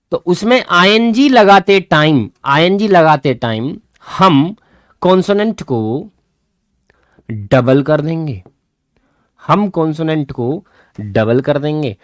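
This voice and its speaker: A man teaching a live online class in a lively, swooping voice that sits a little high for a man. He hammers each rule home by repeating it and keeps nudging his students along. The sound is dry and close, with no room around it. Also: dry recording. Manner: animated, repeats key points, calls students "kids". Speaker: English grammar teacher.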